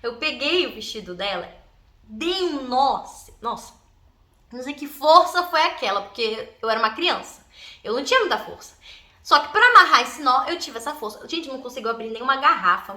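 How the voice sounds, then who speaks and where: Young woman vlogger, high bright voice, laughing through a funny story, echoey room. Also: normal speed. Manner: lively, laughs often, acts out relatives' voices. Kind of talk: animated storytelling about childhood.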